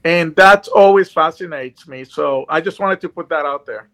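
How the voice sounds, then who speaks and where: Over a video call, a guest from Puerto Rico talks earnestly in casual conversation, rambling and frequently starting his sentences over, in a Puerto Rican accent. He speaks at normal speed in a somewhat high, fairly bright voice.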